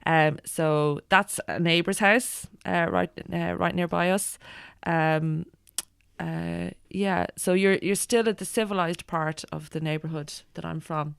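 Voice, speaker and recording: An Irish stand-up comedian chats casually as a guest, hesitant and meandering. Her voice is on the low side with vocal fry and a clear, resonant tone, fairly even intonation, and an unhurried pace, recorded at studio quality with no room sound.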